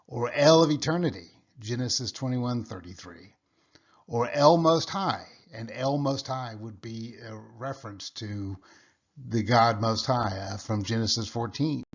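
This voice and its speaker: A man gives a casual Bible study lesson at a middling pitch, working through each point out loud. He stops often with "uh", restarts his phrases and checks in with a quick "okay?". The sound is a bit dull and muffled. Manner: halting, with frequent "uh" and restarts.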